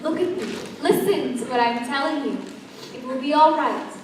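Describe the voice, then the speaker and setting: A woman's voice: high voice, normal speed, natural voice. An actress playing a young woman who gives firm, soothing reassurance, in a stage play recorded from far off in an echoey hall. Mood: reassuring. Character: young woman, calm and firmly comforting. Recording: echoey stage miked from far off, faint noise.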